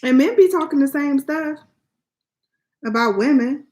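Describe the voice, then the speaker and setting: A woman's voice: high voice, expressive, a little slow, a little mellow. An American woman talking casually and candidly in a vlog, informal and opinionated, swearing freely. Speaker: vlog co-host.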